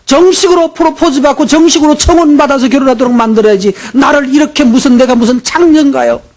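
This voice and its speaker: A man's voice: very high voice, fast talker, darkish tone, voice pushed up. A man voicing an indignant young daughter-in-law who protests with rhetorical questions.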